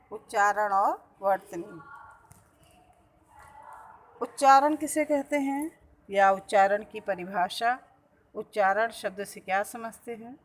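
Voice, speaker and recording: A woman's voice: medium pitch, low-quality recording. A woman teacher giving a school grammar lesson, patiently repeating words to show the correct pronunciation. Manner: slow, patient, repeats each word to stress correct pronunciation.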